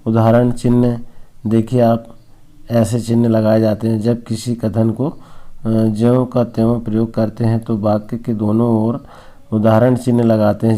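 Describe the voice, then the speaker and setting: A man teaching a school lesson, explaining slowly and reading examples aloud. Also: on the low side, warm tone. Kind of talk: recorded class lesson.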